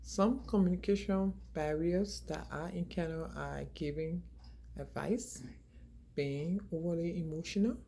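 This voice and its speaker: Slow, low-voiced woman reading a class talk. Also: gravelly, mellow, a little hiss or hum, low-quality recording. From Liberia. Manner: reads from slides with small restarts. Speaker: graduate student.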